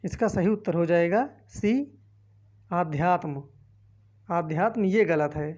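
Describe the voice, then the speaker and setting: A woman's voice: on the low side, measured pace, a little mellow, dull audio. Woman teacher walking through a quiz. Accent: Hindi-speaking north Indian. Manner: reads answer options one by one, then explains. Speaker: exam-prep teacher. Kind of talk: quiz walkthrough lesson.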